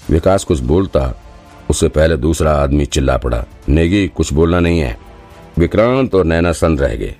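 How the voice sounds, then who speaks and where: A man's voice: rumbling low, mellow. A man narrating a thriller audiobook in a dramatic storytelling manner. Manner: dramatic storytelling, voices all characters himself. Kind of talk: scripted narration.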